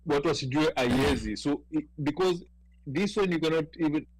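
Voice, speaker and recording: A man's voice: a little high, fairly quick, slightly rough, no room sound, poor audio. A man with a Kenyan accent in a casual panel discussion, talking emphatically and repeating words as he presses a point.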